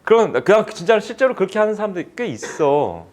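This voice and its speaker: Male cram-school math tutor, casual and teasing, animated delivery. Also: sits high, quick pace. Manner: chatty, teasing students, casual speech. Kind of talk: classroom lecture with banter.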